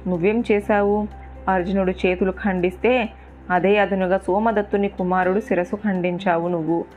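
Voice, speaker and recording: A woman's voice: mid-range voice, fairly even intonation, moderate pace, lightly acted. A woman reading a bitter accusing warrior. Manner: plain speech in the narrator's own voice. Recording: tinny phone-like sound, faint music.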